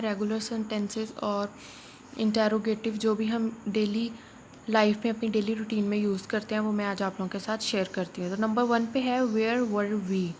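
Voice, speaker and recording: A woman, teaching English phrases in a spoken lesson and patiently repeating each one slowly. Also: on the high side. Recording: faint background noise.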